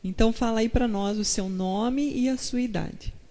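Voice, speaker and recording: A woman's voice: a little high, moderate pace, dark tone. Chatty woman pastor hosting a live stream. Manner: fervent prayer, then chatty greetings to viewers. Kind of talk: live-stream chat and prayer.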